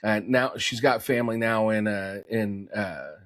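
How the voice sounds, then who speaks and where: A man's voice: lowish voice, unhurried, fairly bright tone, dry recording. Middle aged guy hosting a podcast, lots of uhs, dry close sound. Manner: hesitant, searching for words. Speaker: podcast host. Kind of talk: casual podcast interview.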